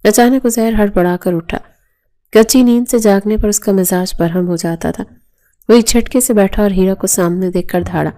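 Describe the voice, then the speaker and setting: A woman narrating a romance novel in a steady, even storytelling voice. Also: medium pitch.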